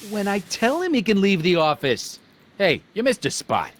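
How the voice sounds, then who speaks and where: Here the actor's gangster boss sounds bossy and impatient, his high voice swinging wildly in pitch at a normal speed. The video game character is brash and bullying, tossing out sarcastic, domineering tough talk peppered with old-fashioned American slang.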